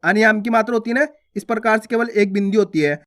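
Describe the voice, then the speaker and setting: Online reading teacher, mid-pitched voice, repeats each word twice with stress, checks in with viewers often. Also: fast, a bit bright. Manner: drills words aloud, repeating each twice with a question; addresses viewers as friends, checks understanding. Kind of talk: online phonics lesson.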